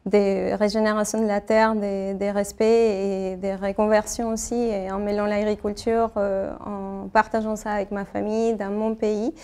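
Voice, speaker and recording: Flat-voiced woman. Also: mid-range voice, moderate pace, hardly any pauses, smooth. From Argentina. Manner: hesitant, many fillers and restarts. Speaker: architect interviewee. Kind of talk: interview answers.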